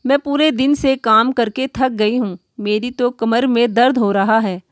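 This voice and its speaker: A woman voicing a gentle elderly mother-in-law from a village, who speaks in a soft, affectionate, pleading way. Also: on the high side, fairly even intonation, measured pace, no room sound, studio quality, natural voice.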